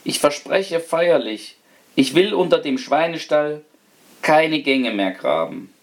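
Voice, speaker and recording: A man's voice: mid-range voice, expressive, unhurried, close to an everyday voice. A man voicing a scheming, self-pitying rat that speaks with false politeness and solemnity. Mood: solemn pleading. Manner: wheedling, falsely solemn and mannerly.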